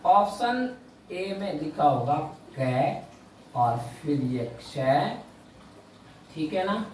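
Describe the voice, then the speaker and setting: A man teaching a Hindi lesson, speaking slowly, stressing key words and repeating his questions to the class. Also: a little high, very animated, darkish tone, a little hiss or hum. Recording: echoey room, mic far away.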